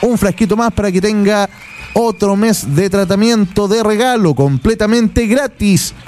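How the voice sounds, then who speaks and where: A man with a Chilean accent hosting a radio infomercial, addressing listeners as dear friends in a repetitive, persuasive sales pitch. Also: a little slow, a little mellow, a little hiss or hum. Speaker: radio host selling a product. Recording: music bed behind the voice.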